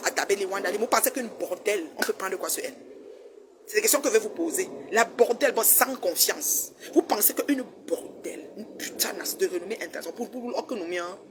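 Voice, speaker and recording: Fast-talking woman in her fifties ranting. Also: medium pitch, background noise. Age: 50s. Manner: animated, repetitive, scolding. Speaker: online commentator. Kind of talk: casual ranting commentary.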